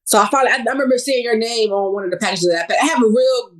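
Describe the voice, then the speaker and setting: Chatty woman, relaxed podcast guest. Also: on the high side, very fast, low-quality recording. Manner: relaxed, chatty, laughs easily. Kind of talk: casual chat.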